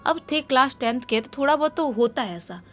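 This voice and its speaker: A woman's voice: high voice, animated, a little fast, fairly bright tone, faint music behind. A woman narrating a horror story in a casual way and acting out the dialogue of the people in it.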